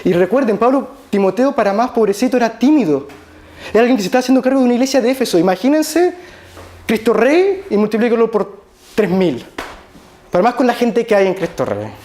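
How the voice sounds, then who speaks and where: A man's voice: very high-pitched, animated, a little fast, a little mellow. Emphatic man preaching a sermon. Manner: emphatic, repeats key phrases; addresses the congregation directly.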